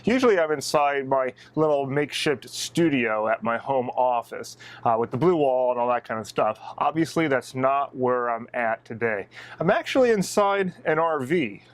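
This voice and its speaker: A man's voice: medium pitch, lively intonation, normal speed. An American man in his thirties, talking casually and conversationally as a vlog host from inside a small RV trailer, on a lapel mic. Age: 30s. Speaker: host, blog marketing coach. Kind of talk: casual vlog talk to camera. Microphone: clip-on lapel mic.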